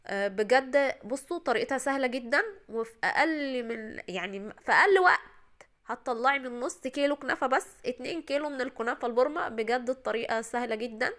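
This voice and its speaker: A fast-talking woman with a high-sitting, fairly bright voice hosts a home cooking tutorial, guiding viewers through a recipe in a chatty, reassuring way. She's from Egypt, has an Egyptian Arabic accent, and sounds tired from a cold.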